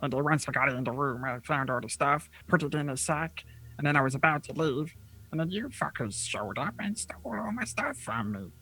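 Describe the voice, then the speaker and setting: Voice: mid-range voice, level tone, fairly quick, pushed and bright. A game master voicing a defiant, foul-mouthed female goblin captive who bargains cheekily in a tabletop game. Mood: grudging.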